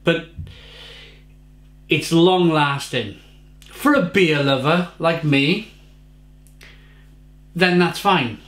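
A man casually reviews a beer in his home kitchen, chatty and gesturing with his hands, often repeating words. His voice is a little high and a bit bright, recorded reverberantly by a fixed camera at a desk.

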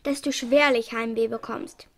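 A woman reading a kind, gentle male animal doctor in a children's storybook, reassuring in tone. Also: a little high, fairly even intonation, normal speed. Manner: warm and reassuring.

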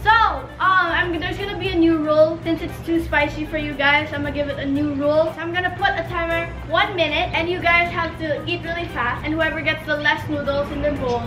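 An excitable teenage girl with a Filipino accent, hosting a casual vlog in an emphatic way. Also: sits high, brisk, hardly any pauses. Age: teens. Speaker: vlog host. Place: house and outdoor yard. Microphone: camera microphone. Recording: vlog under loud music and chatter.

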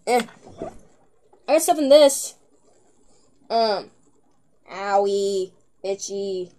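Slow-talking teen girl vlogging, mellow voice, lots of ums and giggles. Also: medium pitch, expressive. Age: young teen. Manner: rambling, giggly, with many filler words. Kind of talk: casual chat to camera.

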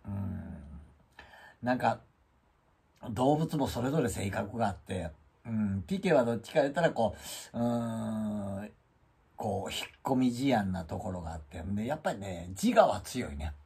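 A man with a Kansai accent talks in a loose, casual monologue, and his voice is deeply husky and rough. His pitch swings widely as he tells stories and slips into little voices for the quotes. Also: normal speed. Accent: Kansai Japanese. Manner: animated storyteller who acts out quoted lines. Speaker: channel host.

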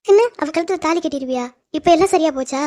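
A woman plays a middle-aged mother in a cartoon drama who scolds her grown son in a reproachful, pleading way. Her voice is high and quick, with a dry sound. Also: darkish tone, no echo, natural voice.

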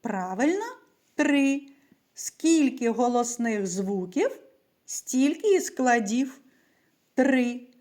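A woman teaching young children to read and write, speaking slowly and deliberately, asking questions and answering them herself. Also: fairly high pitch, darkish tone. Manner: patient, stretched-out words, asks and answers her own questions. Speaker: primary school teacher. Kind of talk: slow, deliberate literacy lesson for young children.

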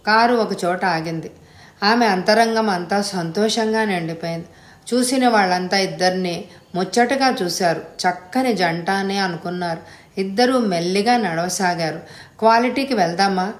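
A woman's voice: mid-range voice, normal speed. Woman narrating a story in an echoey room. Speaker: audiobook narrator.

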